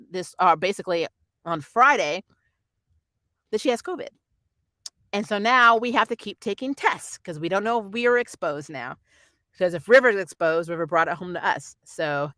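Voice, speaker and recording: A middle-aged woman with a pushed, bright, mid-range voice hosts a casual livestream on her nerd culture review channel, with no room sound. She rambles and digresses with strong opinions, often laughing, as she reviews shows and answers viewer comments.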